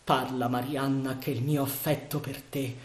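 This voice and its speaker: A man's voice: medium pitch, little pitch movement, moderate pace, lightly acted. A man voicing a bold, passionate pirate chief in an audiobook reading, ardent and declamatory. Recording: roomy echo.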